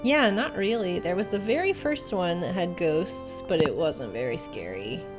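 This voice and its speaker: A woman's voice: lowish voice, expressive, normal speed, over music. A young woman casually chatting as co-host while streaming a video game, laid-back and chatty.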